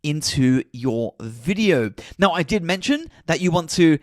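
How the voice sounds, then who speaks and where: A man talks through a screen-recorded tutorial, giving click-by-click instructions in a high voice. His pitch jumps around with lively movement. The sound is dry and close, with no room echo. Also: measured pace. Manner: step-by-step, instructive, repeats click directions. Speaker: tutorial host.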